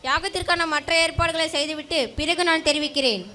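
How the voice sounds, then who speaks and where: A school student voicing a stern old sage who gives solemn commands in a stage play. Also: female voice, high voice, fairly even intonation, a little fast, bright, forceful tone, a little hiss or hum.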